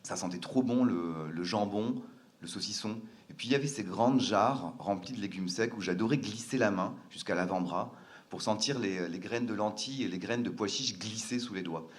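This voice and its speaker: A man's voice: lowish voice, normal speed. A man from France telling a personal family story, earnest and hesitant, with frequent fillers and restarts.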